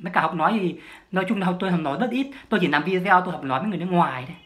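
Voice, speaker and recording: A woman's voice: lowish voice, racing. A woman, a language-learning vlogger giving a solo advice monologue, emphatic and repeating her key points.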